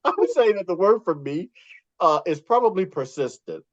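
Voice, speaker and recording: A man's voice: high-pitched, sing-song, normal speed, dry recording. A chatty man tells stories as a podcast guest, laughing often and voicing the people he quotes. His voice comes through slightly muffled, in a dry and close recording. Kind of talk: casual storytelling chat.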